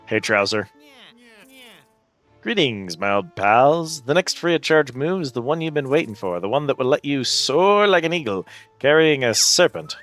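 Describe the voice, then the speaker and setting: A man's voice: medium pitch, expressive, normal speed, fairly bright tone, lightly acted. A man voicing a chummy, old-fashioned snake tutor from a video game, reading the dialogue aloud in a theatrical way. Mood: chummy, grand. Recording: music behind the voice.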